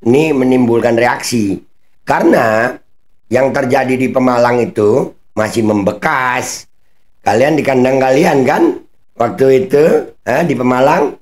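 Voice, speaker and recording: A man's voice: mid-range voice, measured pace. A man giving heated commentary as a channel host, talking bluntly in mocking street slang and swearing now and then.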